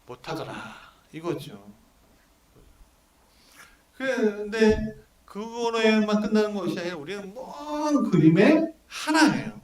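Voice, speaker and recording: A male pastor preaching a sermon, animated and full of rhetorical questions to his congregation. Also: high voice. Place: church hall at a prayer meeting. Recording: echoey church hall, mic at a distance, congregation audible.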